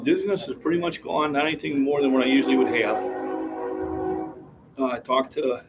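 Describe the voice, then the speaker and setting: A chatty man in his sixties talks to his live chat from a gym floor, a bit winded between sets. His mid-pitched voice comes from a camera set back from him, with a faint hum of the room behind. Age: 60s. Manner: chatty, talks while catching his breath. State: slightly out of breath. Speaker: fitness livestream host. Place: gym, indoors. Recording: distant mic with faint room noise.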